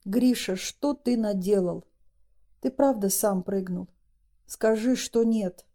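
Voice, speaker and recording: Женщина в роли строгой нервной жены. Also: female voice, mid-range voice, slow, warm tone, natural voice. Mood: stern. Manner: stern, pressing. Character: stern, nervous middle-aged wife.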